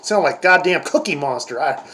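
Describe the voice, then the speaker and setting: A man's voice: fairly high pitch, animated, normal speed, bright, forceful tone, rough recording. An older man hosting a comedic reaction video, grumbling and mocking in a crude, profane way. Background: heavy metal music playing.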